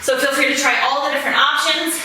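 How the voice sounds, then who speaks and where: A woman's voice: sits high, fairly even intonation, fast, music in the background. A middle-aged woman leading a workout class, encouraging, with short rhythmic coaching commands like a swim coach. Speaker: fitness instructor leading a home interval workout. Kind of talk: exercise class coaching, cueing moves. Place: small home gym room, indoors. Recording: very roomy echo, distant mic, faint noise.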